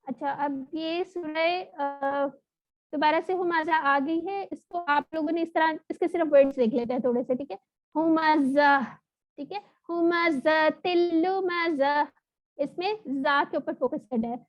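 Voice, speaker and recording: A woman teaching an online recitation lesson, explaining patiently and sounding out letters slowly. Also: high-pitched. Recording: dull lo-fi audio.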